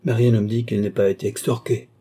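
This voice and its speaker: A man's voice: on the low side, level tone, fast talker, mellow, slightly rough. A man reading an alarmed royal princess. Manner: agitated, exclaiming. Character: haughty aging royal princess, frightened and imperious.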